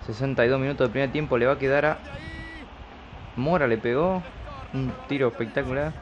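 A man with an Argentine accent, a YouTube gamer, gives casual, colloquial football commentary on his own video game match, cheering on his players. His mid-range voice is brisk, with soft background music, and the dull lo-fi recording carries loud noise.

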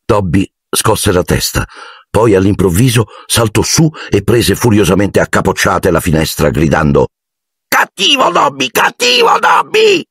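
A man narrating an audiobook with expressive, dramatic storytelling. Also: deep voice, moderate pace, slightly rough, no echo, studio quality.

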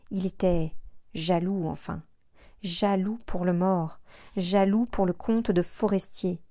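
Speaking at a medium pitch, a woman narrates an audiobook from a script, measured yet expressive. The sound is studio quality, with no room sound at all.

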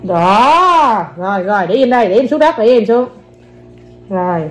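Young mom, casual vlog; coaxes her kids with quick repeated commands, higher voice. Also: animated, soft background music. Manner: coaxing, playful, repeats short commands to children. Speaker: mother filming her young children. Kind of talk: casual family vlog, talking to viewers.

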